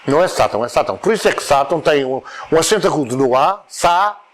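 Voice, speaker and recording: Lively-pitched man with a European Portuguese accent. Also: rapid-fire. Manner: digressive, repeats words, explains with examples. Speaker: study group speaker. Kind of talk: informal spoken lecture.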